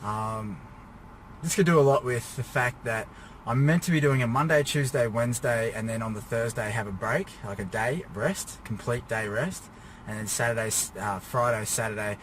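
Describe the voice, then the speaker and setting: A medium-pitched man speaking at a normal speed rants casually and rambles from inside his noisy car. He's a fitness vlogger readying for a bodybuilding show, exhausted and drained after a workout, weary but still pushing himself.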